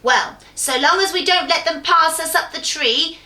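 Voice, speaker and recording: A woman voicing a boastful goblin guard who talks loud and mocking in a storybook reading, in an echoey room. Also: very high voice, moderate pace, pitched above the performer's own voice. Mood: scornful.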